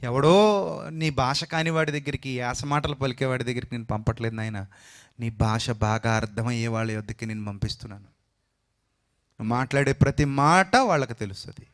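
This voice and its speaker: A man preaching a sermon with emotional force, repeating phrases and swinging between soft and loud. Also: mid-range voice, moderate pace. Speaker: pastor.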